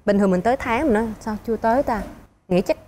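A woman in her thirties with a Southern Vietnamese accent, a guest on a TV talk show, telling a story in an animated way and acting out what others said. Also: fairly high pitch, fast, a little hiss or hum. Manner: animated, acts out quoted lines, laughs while telling. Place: TV studio.

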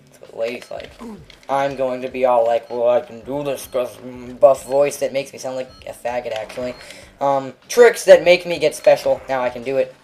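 Young guy rambling over his gameplay, jokey and self-mocking, mid pitch. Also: a little mellow. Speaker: gameplay commentator. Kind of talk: let's play commentary.

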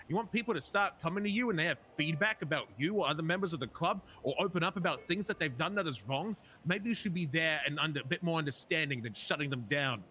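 A man's voice: high voice, bright, forceful tone, a little hiss or hum. A man in improvised game role-play, arguing in an aggrieved, sweary way as he defends himself. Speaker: role-play gamer playing a biker club member.

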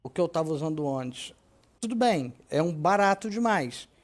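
A man's voice: fairly high pitch, animated, normal speed. A middle-aged man with a Brazilian accent chatting casually and informally while he plays a game. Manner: informal, slangy. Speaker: gaming streamer. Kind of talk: casual chat while gaming. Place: indoor room at home.

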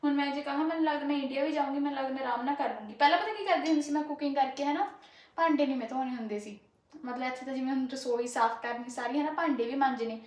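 A woman's voice: high-pitched, very fast, a little mellow. Chatty young Punjabi woman, echoey kitchen. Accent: rural Malwa Punjabi. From Punjab, India. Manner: chatty, rambling, frequent filler tags. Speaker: cooking vlogger. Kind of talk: casual chat while cooking. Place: home kitchen.

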